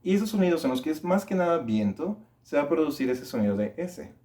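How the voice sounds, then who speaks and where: A man's voice: a little high, very animated, warm tone. Man teaching English pronunciation, patient. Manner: slow, drawn-out model words repeated for practice. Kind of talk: explaining pronunciation lesson.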